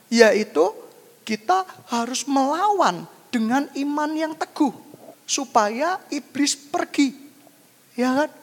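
A man preaching to his congregation with a gravelly, rough edge to his voice. He asks rhetorical questions and talks with animated emphasis. His voice rings out through the long reverb of a church hall. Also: very high voice, takes it slowly. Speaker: pastor. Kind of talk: sermon.

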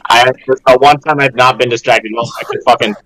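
A man's voice: mid-range voice, fairly even intonation, brisk, a crowd in the background, low-quality recording. A man chatting casually and opinionatedly as a podcast panelist, brash and joking. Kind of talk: casual opinionated group chat.

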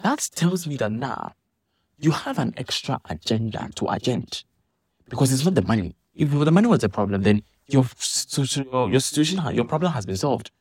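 Indignant man, husky voice. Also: medium pitch, brisk, no echo. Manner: animated, indignant, restarts often. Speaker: church member commenting on a dispute. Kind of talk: casual monologue vlog.

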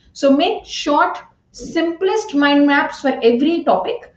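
A woman with an Indian accent teaching exam students in an explanatory style, speaking deliberately and emphatically with careful enunciation. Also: high-pitched. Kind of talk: explanatory lecture with numbered points. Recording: echoey room, dull lo-fi audio.

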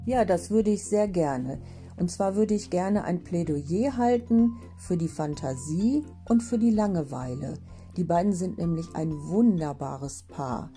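A woman's voice: on the low side, expressive, unhurried, warm tone. A woman author introducing her story and talking reflectively about fantasy and boredom. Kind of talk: casual spoken introduction and comment. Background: guitar music.

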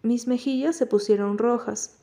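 A woman reading a novel aloud in first person as an audiobook narrator, at a steady, measured pace. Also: fairly high pitch.

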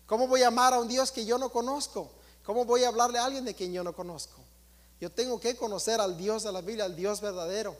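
A man's voice: high-pitched, steady tone, fast, big-room sound. A man preaching a sermon in church, emphatic and repetitive, often turning to address the congregation directly.

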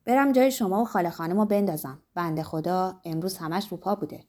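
A woman's voice: lowish voice, a little mellow, natural voice. A woman voicing a doting, sighing elderly female household servant in an audiobook reading. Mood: fussing. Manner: sighing, fussing, tender.

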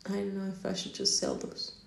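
A woman's voice: medium pitch, wildly swooping pitch, fairly quick, creaky, reverberant, slight background noise. A woman talking casually on her own into a phone on a stand, rambling with lots of fillers and laughs. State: yawning, drowsy. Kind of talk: casual solo talk.

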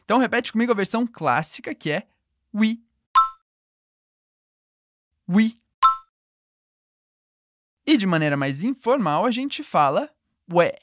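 A woman teaching a podcast language lesson, patiently repeating words slowly for listeners to echo. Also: mid-range voice, lively intonation, studio quality.

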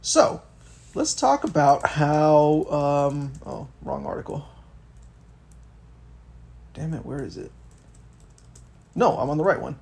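Dark-voiced young man ranting casually. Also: a little high, sing-song, slow pace, gravelly, long pauses, slightly rough. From Miami, Florida. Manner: profane, ranting, thinks aloud with restarts. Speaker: podcast co-host. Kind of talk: casual political chat.

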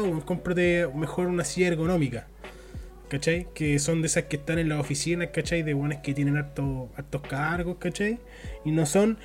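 A young man with a Chilean accent co-hosting a podcast in loose, slangy, joking chat. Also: fairly high pitch. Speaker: podcast co-host.

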